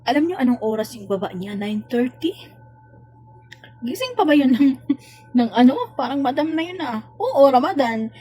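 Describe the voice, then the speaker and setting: Woman, casual vlog rant, complaining, husky, somewhat high-pitched. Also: moderate pace, long pauses. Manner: exasperated, complaining, animated retelling. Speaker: domestic worker vlogger.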